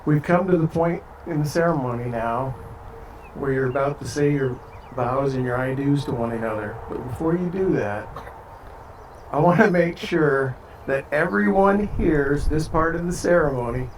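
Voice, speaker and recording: A man leading a wedding ceremony as officiant, speaking in a steady, formal way with light joking asides. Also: fairly high pitch, normal speed. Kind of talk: ceremony address. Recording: distant mic, faint background noise.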